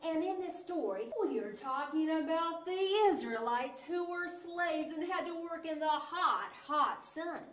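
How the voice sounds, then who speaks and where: A woman's voice: high-pitched, a little slow, hardly any pauses, a bit bright. A woman playing a clown, telling a Bible story to children in an exaggerated, sing-song way. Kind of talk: animated children's lesson. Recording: echoey room, from a distance, faint noise.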